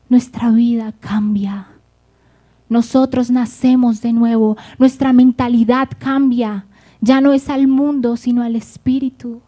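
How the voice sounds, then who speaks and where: High-voiced woman preaching a fervent sermon. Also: dark tone. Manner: fervent, addresses the congregation directly.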